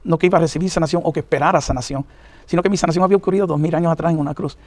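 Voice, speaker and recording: Fast, halting preacher man telling his testimony. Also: on the high side, steady tone, darkish tone, no echo. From New York, of Puerto Rican parents. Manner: earnest, halting, many fillers. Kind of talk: personal testimony in an interview.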